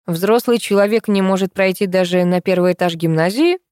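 A woman reading the lines of a calm, wry adult man in an audiobook. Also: mid-range voice, brisk, smooth, dry recording, clean studio sound, close to an everyday voice.

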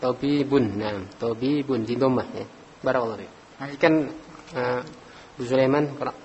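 In a study hall full of students, a patient Arabic grammar teacher calls on people by name, weaving Arabic phrases into his lesson. His voice is medium-pitched at a normal speed. Audio is dull and carries a long hall reverb.

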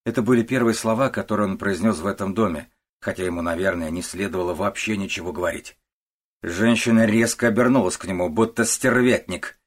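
A man narrating a novel as an audiobook in a steady, measured reading. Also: lowish voice. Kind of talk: scripted narration.

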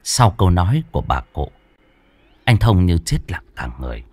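A man narrating an audiobook in an expressive storytelling manner. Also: sits low, normal speed, husky, no echo.

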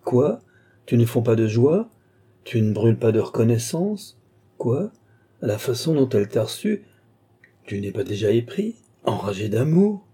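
Wily old noble marshal, read by a man: dark husky tone, scheming, sharp exclamatory jumps. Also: medium pitch, sing-song, measured pace, exaggerated voice. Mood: exclaiming. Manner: exclamatory, mocking, rising to sharp outbursts. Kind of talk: audiobook reading of a classic novel.

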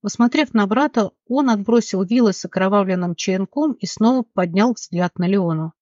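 An audiobook narrator reading a fantasy novel with steady, dramatic storytelling on a dull, dry recording. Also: medium pitch, normal speed, no room sound.

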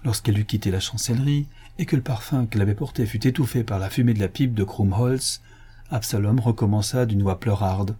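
A man reading a story aloud as narrator, in a measured, expressive manner. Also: fairly low pitch, breathy edge. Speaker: audiobook reader.

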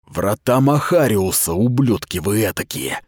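A man's voice: lowish voice, expressive, unhurried, darkish tone, breathy edge, dry recording, studio quality. A man reading the part of a hot-tempered, desperate young woman investigator in a storybook reading. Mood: urgent. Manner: urgent, defiant, pleading.

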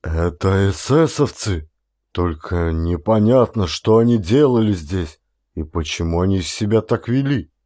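A man doing a stern, steady corporal. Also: low-pitched, a little slow, no room sound, studio quality. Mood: firm. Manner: firm and commanding. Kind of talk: audiobook character voice.

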